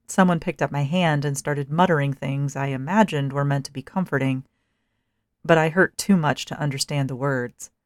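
A woman narrating a first-person story in a measured, dryly wry manner. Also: deep voice, a little mellow, no room sound, clean studio sound.

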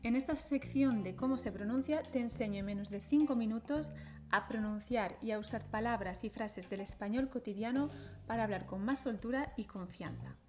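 A woman from teaching pronunciation in a podcast, repeating syllables slowly and clearly in an encouraging way. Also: on the high side, animated, mellow, soft background music. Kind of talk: slow, careful pronunciation lesson. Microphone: podcast microphone.

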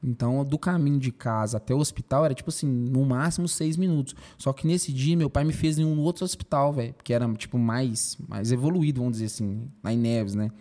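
A young man talks as a podcast guest, retelling a personal story with emotional, animated energy. His words tumble out quickly and are loaded with slang fillers. His voice sits at an ordinary middle pitch for a man.

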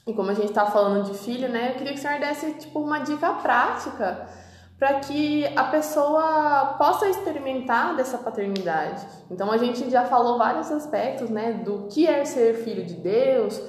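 Brazilian woman asking questions, soft and chatty, big echoey hall. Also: high-pitched, moderate pace, slight background noise. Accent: Brazilian Portuguese. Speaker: interviewer. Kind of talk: church interview. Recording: echoey hall with long reverb.

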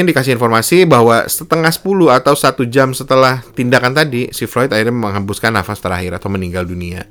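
A young man, telling a story in a casual monologue and voicing the people in it with a raised voice. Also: a bit bright. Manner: slangy Jakarta-style speech, acts out quotes in a high voice.

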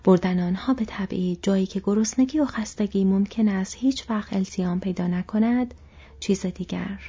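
Thoughtful young male hobbit, voiced by a woman, soft and troubled, mellow tone. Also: medium pitch, slightly rough. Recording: dull lo-fi recording.

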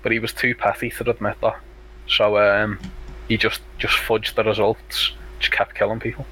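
A man's voice: lowish voice, moderate pace, slight background noise, low-quality recording. A man from Liverpool with a strong Scouse accent, chatting casually and telling sweary anecdotes as a podcast co-host. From Liverpool, England. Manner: sweary, animated storytelling.

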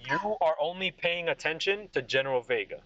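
Guy running a tabletop game, bright sharp voice, muffled lo-fi audio. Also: on the high side, expressive. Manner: casual, halting, many restarts. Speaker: game master. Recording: dull lo-fi sound.

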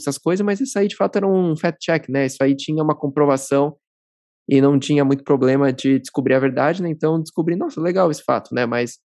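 Fast-talking man hosting a podcast. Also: a little high, a little mellow, no room sound, clean studio sound. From Brazil. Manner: fast, talkative, friendly. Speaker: podcast host. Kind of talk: casual interview chat.

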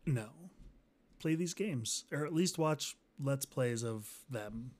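A man's voice: mid-range voice, expressive, slow, a little mellow. Laid-back young man on a podcast. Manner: laid-back, dry, teasing. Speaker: podcast co-host. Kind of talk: casual podcast chat.

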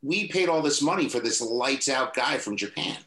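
A man's voice: medium pitch, animated, moderate pace, sharp tone. A man co-hosting a sports podcast, rambling through his thoughts with lots of fillers. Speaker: podcast co-host. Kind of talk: casual sports chat.

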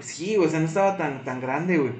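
A young Mexican man with a Mexican accent, telling a story in casual chat, slangy and animated, saying güey constantly. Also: fairly high pitch, brisk, roomy sound, a little hiss or hum.

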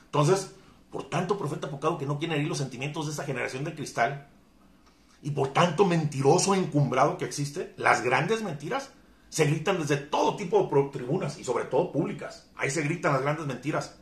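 Fervent preacher in an echoey room. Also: male voice, a little high, animated, brisk. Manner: fervent, emphatic preaching with dramatic swings in loudness. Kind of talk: sermon.

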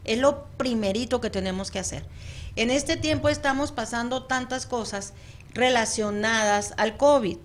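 A woman's voice: a little high, moderate pace. A woman counselor, a guest on a radio talk show, chatty and laughing often. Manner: chatty, laughs often, acts out clients' voices.

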